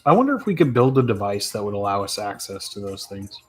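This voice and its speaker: A man's voice: fairly low pitch, very animated, quick pace, slightly rough, soft background music. Rambling, reflective man chatting live. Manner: rambling, reflective, with frequent laughs and fillers. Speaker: streamer answering viewer questions. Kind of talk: casual live chat. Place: home live stream.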